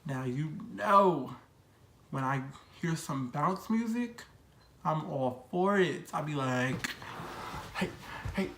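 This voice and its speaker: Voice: medium pitch, expressive, slow pace, fairly bright tone. A young adult vlogger tells a personal story in casual, slang-heavy chat and repeats phrases for emphasis. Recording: echoey room.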